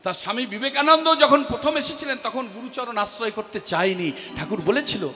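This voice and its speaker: A man giving a devotional sermon from a stage, telling stories, acting out the dialogue and swinging between hushed and shouted lines. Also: very high-pitched, fairly quick, in a large hall, soft background music. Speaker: religious preacher. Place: stage before an audience.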